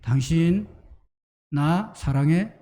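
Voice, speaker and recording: A male pastor voicing an earnest middle-aged wife who presses her husband, speaking soft and low. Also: lively intonation, very slow.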